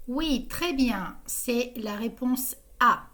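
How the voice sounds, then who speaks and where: A woman hosts a grammar quiz in a scripted narration voice. Her voice sits a little high, and she reads every question and answer option slowly and evenly. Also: a little hiss or hum. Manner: slow, even reading of questions and answer options. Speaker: quiz host.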